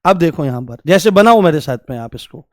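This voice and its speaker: High-voiced man teaching Hindi grammar. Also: lively intonation, no echo, studio quality. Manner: repeats key answers in a drawn-out, sing-song way; quizzes the class with rhetorical questions. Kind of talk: classroom lecture.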